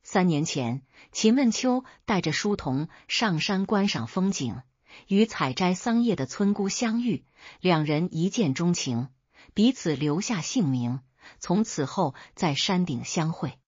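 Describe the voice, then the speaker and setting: A woman narrating folk tales as a storyteller, in a steady, even reading. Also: on the low side, unhurried, husky, no room sound. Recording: dull dry recording.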